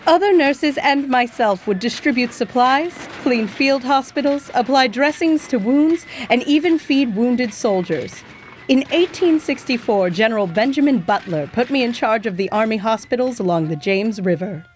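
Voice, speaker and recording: A woman's voice: on the high side, expressive, moderate pace, slight background noise, natural voice. A woman playing a gracious historical nurse who tells her life story in a genteel way, calling her listener "my dear". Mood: earnest. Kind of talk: scripted educational acting.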